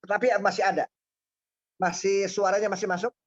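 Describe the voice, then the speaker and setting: A man's voice: sits high, little pitch movement, highs cut off. A male preacher giving a storytelling sermon, who repeats his phrases and draws out his emphasis, heard through a remote audio feed. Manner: repetitive, drawn-out emphasis.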